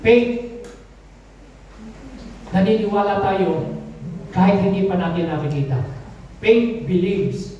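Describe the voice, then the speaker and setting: A woman's voice: mid-range voice, takes it slowly, long pauses, warm tone, lo-fi sound, slight background noise. A woman pastor preaching a sermon in a church, often calling out to the congregation for an "Amen". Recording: echoey room, mic far off.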